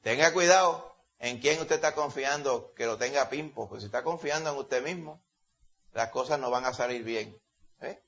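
A man's voice: mid-range voice, normal speed, fairly bright tone. A man preaching a Bible-teaching sermon in a conversational way, often calling listeners brother. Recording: dull lo-fi sound.

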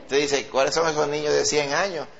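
A man with a Puerto Rican accent preaches a sermon in an animated way, slipping into high voices for the people he quotes. His voice sits a little high for a man. The recording sounds dull and lo-fi. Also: a little fast, vocal fry. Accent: Puerto Rican Spanish.

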